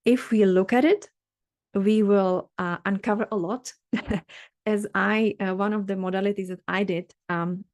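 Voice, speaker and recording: Woman, Czech accent, middle-aged, dermatologist leading a workshop, earnest, halting, even pitch, dry close sound. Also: no room sound. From Czech Republic. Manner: earnest, halting, many fillers and restarts. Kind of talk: workshop talk.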